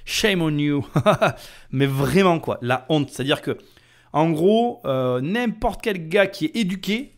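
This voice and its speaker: Male podcast host, angry rant, lively swooping pitch, somewhat high voice. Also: unhurried. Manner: heated, indignant, addresses listener directly. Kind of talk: ranting podcast commentary.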